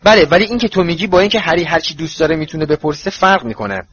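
A man voicing an anxious, fierce middle-aged mother in a storybook reading, pitched high and shrill. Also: animated, a bit bright, husky, no echo. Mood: pleading. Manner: shrill and pleading. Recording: dull lo-fi recording.

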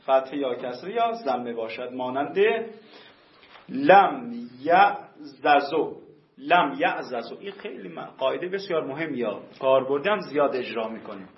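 Male teacher, high voice, muffled lo-fi classroom recording; patient grammar explainer. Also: echoey room. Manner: slow drawn-out spelling of example words.

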